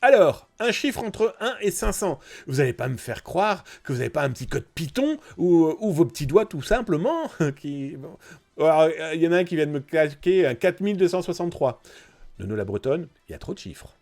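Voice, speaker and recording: A man's voice: fairly high pitch, very animated, normal speed, vocal fry, a little mellow. A man with a blocked, nasal nose, hosting a live news stream in a casual, chatty way, speaking straight to his viewers. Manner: chatty, informal, directly addressing viewers.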